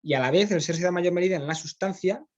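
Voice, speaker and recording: A man's voice: high voice, fast, muffled recording. A man with a Spanish accent, teaching philosophy in a classroom, explaining step by step and often checking in with his students. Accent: Spain. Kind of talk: classroom lecture.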